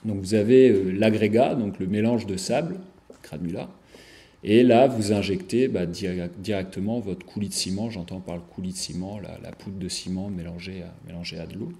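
A man giving a recorded lecture over slides, speaking haltingly with frequent fillers and restarts. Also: sits low, vocal fry, warm tone. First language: French. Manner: hesitant, many fillers and restarts.

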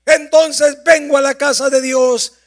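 A male pastor, preaching a sermon with drawn-out emphasis and loud passages. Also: very high-pitched, level tone.

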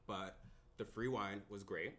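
A man's voice: fairly low pitch, fairly even intonation, a little slow, pushed and bright. A man telling things casually in a group podcast chat. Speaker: podcast co-host or guest. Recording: background room noise.

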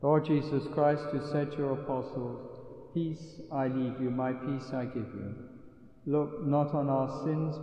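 A man acting as priest, chanting and reciting Mass prayers slowly and steadily, with a cathedral echo. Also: medium pitch. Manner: slow, measured chanting of prayers. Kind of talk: sung and spoken liturgy. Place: large church. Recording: muffled, echoey church recording with faint music.

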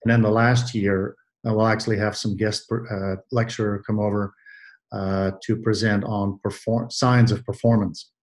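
Low-voiced man in his sixties from Belgium. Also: little pitch movement. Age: 60s. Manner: measured, many hesitations and restarts. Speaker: guest, athletic trainer. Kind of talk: interview answers.

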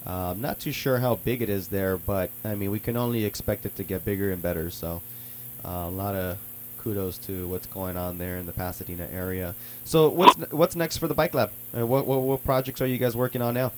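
Laid-back male radio host, low voice. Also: fairly quick, a little hiss or hum. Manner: relaxed, filler-heavy, upbeat. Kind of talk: casual radio interview.

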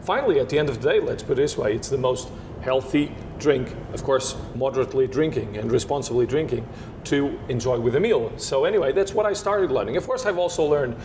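Giving descriptive answers as a winemaking guest, a man from Portugal whose first language is Portuguese speaks haltingly and keeps restarting as he searches for words. The recording has steady noise and a low rumble.

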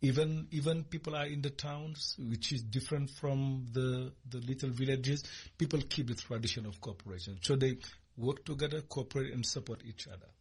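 A man from Senegal, a guest on a radio interview, speaking hesitantly with many pauses and restarts. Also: medium pitch, darkish tone, breathy edge. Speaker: guest, cooperative leader. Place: radio studio.

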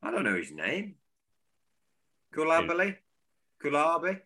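A man's voice: fairly high pitch, wildly swooping pitch, a little slow, bright, forceful tone. A man co-hosting a football podcast, rambling and joking in casual chat. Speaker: podcast co-host. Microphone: remote call, cuts out.

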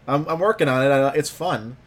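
A man's voice: on the high side, measured pace. A man co-hosting a podcast, chatting casually, joking and laughing often with loose restarts. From Idaho, USA. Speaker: podcast co-host. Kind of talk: casual chat.

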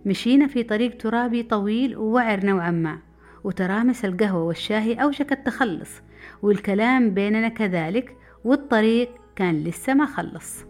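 A middle-aged woman from Saudi Arabia, telling a personal memoir story in a brisk, lively way. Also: a little high. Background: faint background music.

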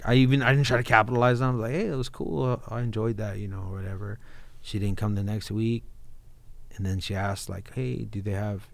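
A man's voice: on the low side, vocal fry. A man talking casually and earnestly in an informal, heartfelt conversation, often addressing his listener as bro. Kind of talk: casual heartfelt conversation about faith and marriage.

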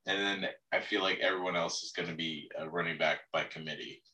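A man's voice: low-pitched, steady tone, a little fast, bright, forceful tone, echoey room, distant mic, poor audio. A man hosting a casual sports podcast, rambling and repeating himself as he chats with friends. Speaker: podcast host. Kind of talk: casual fantasy football chat.

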